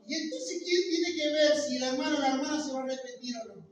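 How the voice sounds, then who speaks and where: A woman's voice: sits high, fast talker. Fervent woman preaching in an echoey hall. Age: 30s. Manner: fervent, repeats phrases for emphasis. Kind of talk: sermon. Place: church. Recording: echoey church hall from far off with music.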